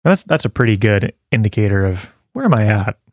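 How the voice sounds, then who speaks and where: A man's voice: lowish voice, brisk, no echo. Earnest man, dry close sound. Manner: relaxed and earnest, laughs easily, many fillers. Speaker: podcast co-host sharing a devotional. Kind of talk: casual faith conversation with Bible reading.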